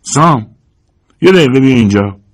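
A man's voice: on the low side, sing-song, darkish tone, slightly rough, voice pushed up. A guarded diner counterman, as a man puts him on. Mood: wary. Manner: guarded, short replies. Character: wary adult male diner counterman.

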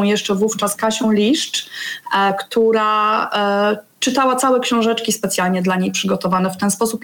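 A woman guest in her thirties explaining reading methods in a measured way, pausing often with fillers. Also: medium pitch. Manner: measured, with frequent hesitation fillers. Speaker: guest, reading education specialist. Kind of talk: explanatory interview talk.

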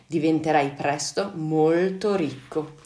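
A woman's voice: takes it slowly, warm tone. Woman doing a sly fawning cat. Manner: fawning, then shrill cries for help. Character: sly clever male cat servant. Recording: echoey room.

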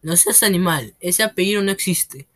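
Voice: medium pitch, normal speed, fairly bright tone, lightly acted. Trunchbull, a reader doing a roaring headmistress. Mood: scornful. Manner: roaring, scornful. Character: bullying, tyrannical headmistress, woman.

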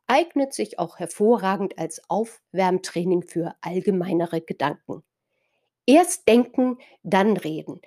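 Woman, from northern Germany, slow unhurried delivery, mellow warm tone, thoughtful spoken essay, talks directly to listeners. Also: medium pitch. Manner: thoughtful, addresses listeners directly, plays with words.

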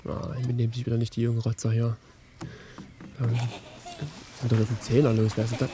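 A man's voice: medium pitch, completely flat delivery, fast talker, pitched below the performer's own voice, lightly acted. A man playing a stern, fussy pool attendant who scolds and stammers in a comedy sketch. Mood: scolding. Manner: scolding, stammers and repeats himself. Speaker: podcast host.

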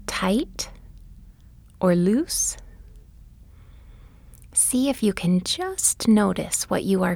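A woman guiding a bedtime body-scan meditation, speaking softly and gently, often in a whisper. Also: medium pitch, creaky, breathy edge, dry recording. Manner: soft, often whispered delivery; gentle, soothing and unhurried. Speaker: meditation guide.

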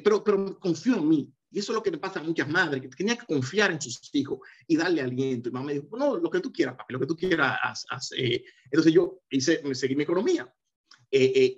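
A middle-aged Dominican man telling his life story in an interview, hesitating often with repeated fillers and restarts. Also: a little high. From Dominican Republic. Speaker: interview guest, economist. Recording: dull, slightly lo-fi sound.

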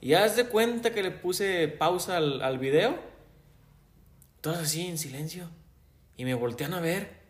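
A man with a Jalisco Mexican accent, his voice sitting a little high for a man. He spins animated anecdotes in a relaxed conversation. He slips into the voices of the people he is quoting and laughs along the way. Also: measured pace, long pauses. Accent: Mexican Spanish, Jalisco. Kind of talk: casual conversation, storytelling.

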